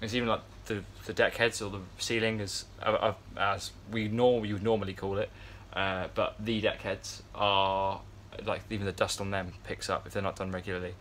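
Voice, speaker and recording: Speaking at a normal speed with hardly any pauses, a man in his twenties uses a lowish, level, slightly bright voice. He's chatting casually to camera for a vlog, rambling with many fillers and restarts, in a yacht crew room where a fan runs, recorded on a phone at arm's length. There's a little hiss or hum.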